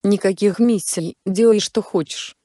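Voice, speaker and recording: A woman doing a bossy sharp-tongued kid sister. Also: medium pitch, unhurried, dry recording, studio quality, lightly acted. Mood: stern. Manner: blunt and commanding.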